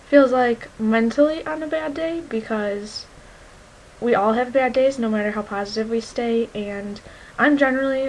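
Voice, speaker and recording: A woman's voice: a little high, a little hiss or hum, rough recording. A twenty-one-year-old woman talking candidly to her viewers in a personal vlog, reflective and earnest, with many fillers. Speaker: vlogger.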